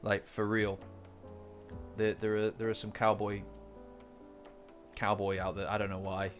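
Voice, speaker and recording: Lowish and unhurried, with little pitch movement, this man hosts a casual manga commentary livestream. He rambles with plenty of fillers, repeated words and restarts against faint lofi guitar music.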